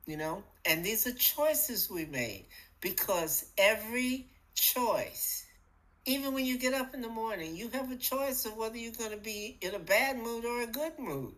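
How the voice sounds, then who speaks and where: A middle-aged woman hosting a spiritual podcast, talking in a casual, animated way, acting out little voices and laughing often. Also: on the high side, measured pace, rough recording. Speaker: podcast host.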